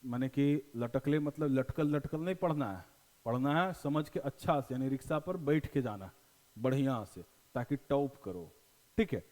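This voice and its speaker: A man's voice: mid-range voice, animated, normal speed, darkish tone, long reverb tail. A male teacher with a Bihari accent, giving a classroom lecture in a folksy style, asking questions and then answering them himself. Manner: explains with repeated questions and answers; folksy, mixes in local dialect.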